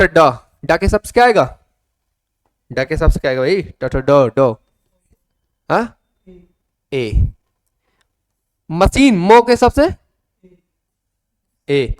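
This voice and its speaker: A man teaching an English grammar lesson, coaxing students and repeating their answers in a lively classroom manner. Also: a little high, dry recording, studio quality.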